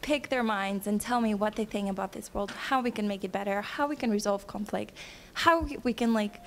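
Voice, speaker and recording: A woman's voice: medium pitch, fairly quick, a bit bright, slight background noise. A young woman from Greece speaking from the audience at a forum, eager and thinking aloud. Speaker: audience member. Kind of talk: question from the floor.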